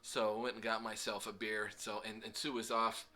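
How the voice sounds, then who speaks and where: Bright-voiced middle-aged man telling a story. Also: lowish voice, level tone, normal speed. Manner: rambling, self-deprecating, many fillers. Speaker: vlog host. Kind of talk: casual storytelling.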